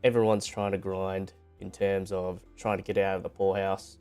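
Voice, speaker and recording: A man's voice: low voice, level tone, normal speed, a little mellow, smooth. A man streaming in a casual, rambling, informal way, lightly self-deprecating as he talks to his viewers. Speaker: VTuber streamer on debut stream. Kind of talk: casual livestream chat. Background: background music.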